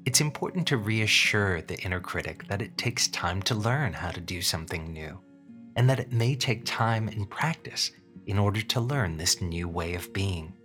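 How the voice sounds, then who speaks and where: A man with a low voice delivers scripted self-help hypnosis narration. He is gentle and soothing, leaving deliberate pauses between phrases. Faint music plays behind him. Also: lively intonation.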